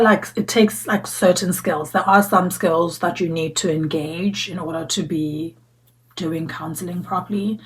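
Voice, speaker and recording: A woman's voice: fairly low pitch, low-quality recording. A woman, chatting reflectively to camera in a casual vlog, full of fillers and restarts. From South Africa. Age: 30s. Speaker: vlogger. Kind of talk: casual get-to-know-me vlog. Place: sitting at home talking to camera.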